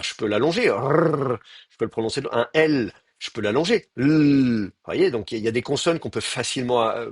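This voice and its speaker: A man's voice: mid-range voice, slightly rough, dry recording. A man teaching a live grammar lecture, thinking aloud with many fillers and restarts and speaking straight to his students. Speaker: Hebrew teacher.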